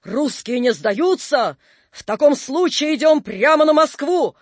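A swaggering, bombastic Napoleon of a fairground show, as a man puts him on, booming every line. The voice sits high and bright. The sound is close and dry, with no room around it. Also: lively intonation, takes it slowly, no echo, full character voice. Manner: declaiming, bombastic. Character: pompous, blustering male Napoleon in a fairground show.

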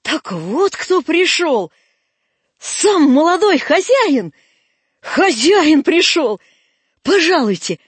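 A woman doing a hoarse, shouting one-eyed old man. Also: sits high, dry recording, voice pushed up, exaggerated voice. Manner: shouting and scolding. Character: gruff one-eyed old male waterworks keeper. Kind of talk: storybook reading.

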